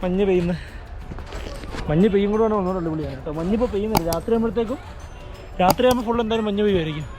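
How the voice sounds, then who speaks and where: A man's voice: high-pitched, rapid-fire, long pauses, music in the background. A man casually narrating a travel vlog outdoors, mixing English words into Malayalam with enthusiastic slangy exclamations. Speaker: travel vlogger. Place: outdoors at a cold mountain tourist valley.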